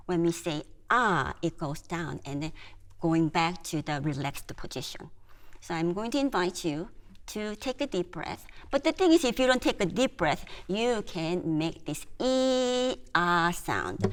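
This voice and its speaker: A woman, patiently leading a group through voice and breathing exercises as a music therapist. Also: fairly low pitch. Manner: slow, patient coaching with demonstrated sounds.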